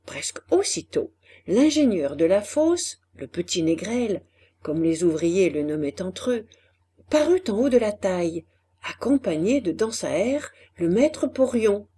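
A woman narrates a classic novel in an audiobook reading. Her voice is husky and breathy, and she takes her time, unhurried and deliberate over each phrase. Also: medium pitch, big pitch swings, mellow. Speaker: audiobook reader. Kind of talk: scripted literary narration.

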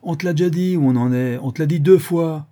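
A peevish, impatient count, played by a male reader, barking loudly in a raised voice. His grumbling has a husky, mellow grain. He sounds fed up with everyone around him. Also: mid-range voice, moderate pace, voice pushed up, close to an everyday voice. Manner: peevish, shouting. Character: grumpy impatient cousin, a count.

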